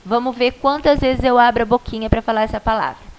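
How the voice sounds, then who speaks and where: A woman's voice: on the high side, fairly even intonation, fast talker, clean tone, rough recording. A Brazilian woman primary school teacher giving a patient, coaxing video lesson to a child, stretching out syllables to show stress.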